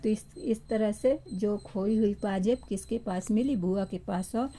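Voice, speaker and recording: A woman's voice: mid-range voice, unhurried, warm tone, a little hiss or hum. A woman teacher reading a story aloud and explaining it to students, with small restarts.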